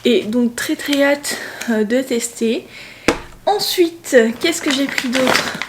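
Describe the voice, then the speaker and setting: Chatty young woman, fairly high voice. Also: slow pace, background noise. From France. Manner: chatty, animated storytelling, playful asides. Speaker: travel vlogger. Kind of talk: casual vlog chat.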